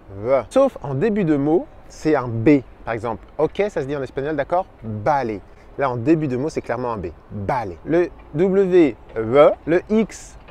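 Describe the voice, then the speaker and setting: A man giving an upbeat video lesson as a language teacher, sounding out each letter slowly and clearly. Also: a little high, dark tone. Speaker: Spanish teacher.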